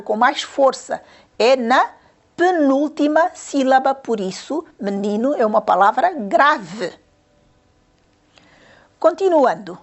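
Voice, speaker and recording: In a high-pitched voice, a female teacher takes young children through grammar, patiently asking questions again and counting syllables aloud.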